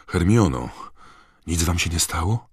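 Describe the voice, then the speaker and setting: A man's voice: low-pitched, animated, extremely slow, a little mellow, dry recording, studio quality, pitched above the performer's own voice, heavily acted. A man voicing a worried middle-aged father in an audiobook, his voice trembling slightly. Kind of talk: audiobook character voice.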